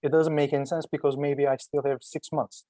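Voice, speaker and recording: A man's voice: a little high, little pitch movement, a little fast, mellow, no echo. A man with a Turkish accent, a native Turkish speaker, giving conversational, explanatory interview answers and often rephrasing himself. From Turkey. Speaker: startup entrepreneur being interviewed.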